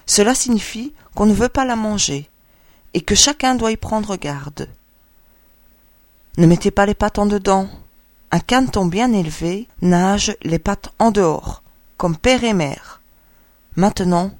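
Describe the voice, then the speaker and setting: A woman's voice: mid-range voice, unhurried, pauses often, dry recording, natural voice. Mother duck, protective and doting, storybook reading; a woman reads her, dry close sound. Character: anxious proud mother duck, female, adult.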